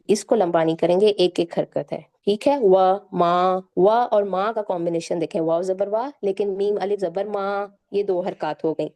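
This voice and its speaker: A woman teaching a Quran recitation class, patiently sounding out syllables slowly one by one and checking in with her students. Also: medium pitch, mellow. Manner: slow, drawn-out syllable-by-syllable demonstration; patient, repeats "theek hai" to check in.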